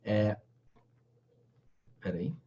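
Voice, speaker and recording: A man's voice: lowish voice, very slow, dark tone, husky, highs cut off. A man giving a casual online training talk, often restarting his sentences and using fillers. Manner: hesitant, many restarts and fillers.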